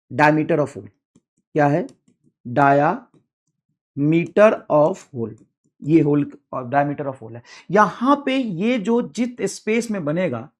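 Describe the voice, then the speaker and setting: A man teaches a physics class, his pitch swinging widely as he explains. He builds the idea step by step and drags out key English phrases slowly so students can write them down. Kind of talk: classroom lecture with student questions.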